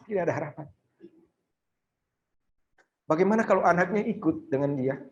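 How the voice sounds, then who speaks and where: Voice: medium pitch, expressive, normal speed, muffled recording. A preacher delivering a sermon over a video call, retelling a story with emphatic repetition.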